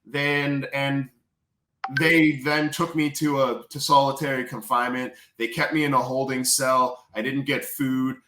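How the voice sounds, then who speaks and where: A man's voice: mid-range voice, flat delivery, measured pace, pushed and bright, roomy sound. A man intensely retelling a painful personal experience as a memoir author, repeating phrases as he tells it. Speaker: memoir author telling his prison story. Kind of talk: personal storytelling.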